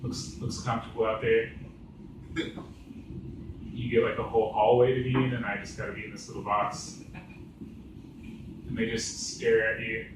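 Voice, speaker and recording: A man's voice: mid-range voice, far from the mic, background noise. A man doing stand-up at an open mic, telling a story in a rambling way full of "like"s. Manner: rambling, filler-heavy storytelling with many "like"s. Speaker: stand-up comedian. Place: echoing open mic venue. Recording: very echoey room recorded from afar, faint ambience.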